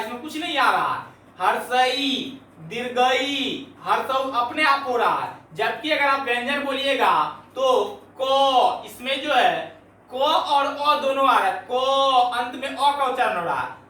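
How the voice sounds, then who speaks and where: A man's voice: extremely high pitch, pushed and bright. A male Hindi grammar teacher giving a classroom lesson, asking questions and answering them himself and repeating key points. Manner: frequent filler "jo hai". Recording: echoey room, voice from a distance.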